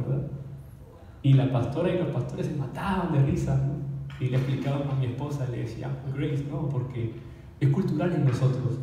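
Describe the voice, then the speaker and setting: A man gives a sermon in an easy, conversational way, often turning questions to his listeners. His voice is deep and mellow, and it comes from some distance away in a hall with a long, booming echo. There is a faint murmur of room noise behind him. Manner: conversational preaching with rhetorical questions to the congregation. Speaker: pastor. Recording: echoey hall, voice from afar.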